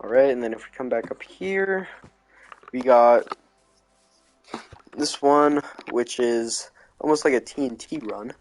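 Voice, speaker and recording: Tired guy rambling thru his game world, lots of likes and ums, mid pitch, little bit of music in the back. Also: a little slow, pauses often, darkish tone, poor audio. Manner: rambling, heavy on fillers like "like" and "um". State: sleepy, yawning. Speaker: video game creator touring his build. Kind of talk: casual gameplay commentary.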